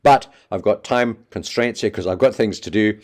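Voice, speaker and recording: Fast-talking low-voiced man. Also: darkish tone. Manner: fast, chatty, offhand. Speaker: market analyst. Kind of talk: trading market update.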